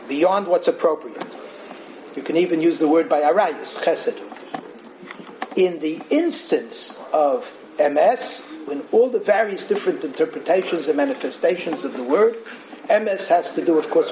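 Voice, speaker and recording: A man teaching a Torah class as a lecture, animated and singsong when he quotes verses. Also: sits high, slight background noise, rough recording. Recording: crowd audible behind him.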